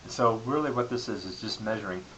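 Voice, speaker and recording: Male lecturer, lowish voice, explanatory delivery with repeated phrases, hissy recording. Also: fast talker, fairly bright tone, rough recording. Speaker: accounting lecturer. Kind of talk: classroom-style lecture. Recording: clearly audible background hiss.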